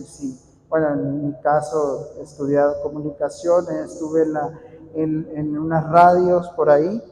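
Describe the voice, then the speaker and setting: A man with a fairly high but warm, mellow voice leads a casual workshop for church readers. He repeats his key points and turns to questions from the room as he goes. The sound rings out with the long reverb of a large hall. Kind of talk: informal instructional talk to a group.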